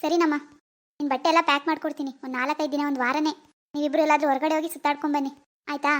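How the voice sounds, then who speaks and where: A performer voicing a fussing, coaxing mother looking after her grown daughter in an animated drama. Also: high-pitched, very fast, close to an everyday voice.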